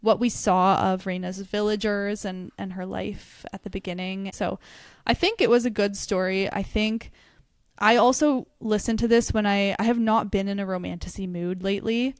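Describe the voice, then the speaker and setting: A woman's voice: mid-range voice, steady tone, moderate pace, clean tone, dry recording, studio quality. A young woman co-hosting a book podcast, chatting casually and animatedly, laughing often. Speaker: podcast co-host. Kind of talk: casual book review chat.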